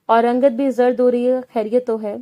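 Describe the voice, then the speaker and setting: A woman's voice: on the high side, little pitch movement, lo-fi sound, close to an everyday voice. A woman reading the part of a breezy, reassuring young best friend in a spoken novel.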